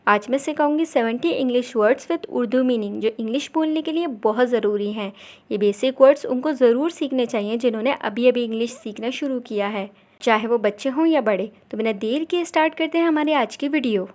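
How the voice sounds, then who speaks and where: A woman teaching English vocabulary, saying each word slowly and clearly, then giving its meaning. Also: a little high, a little mellow. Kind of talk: vocabulary lesson, slow word-by-word drills.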